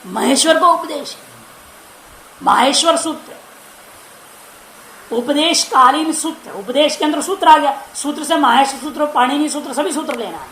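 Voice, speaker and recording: A woman's voice: high-pitched, moderate pace, pauses often, fairly bright tone. A woman teacher giving a grammar lecture, asking the class questions and answering them herself. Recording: roomy echo with faint background hiss.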